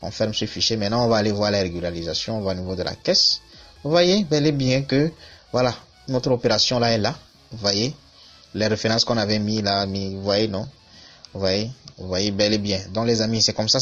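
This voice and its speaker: A man giving a screen-recorded accounting software tutorial, repeating himself and checking in often with the listener. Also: on the low side. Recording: dull lo-fi voice-over with faint music.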